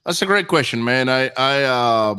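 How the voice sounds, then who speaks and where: Telling casual personal stories as an interview guest, this real estate investor from Venezuela, a native Spanish speaker, keeps it informal and drops "man" and "brother" often. His medium-pitched voice is expressive, smooth and sharp in tone, at a normal speed.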